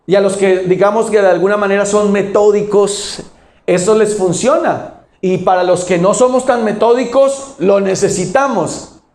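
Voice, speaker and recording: A male pastor with a high voice preaches to his congregation. He keeps asking questions and answers them himself. The echo of a large church hall carries his voice. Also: steady tone, moderate pace, darkish tone. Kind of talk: sermon.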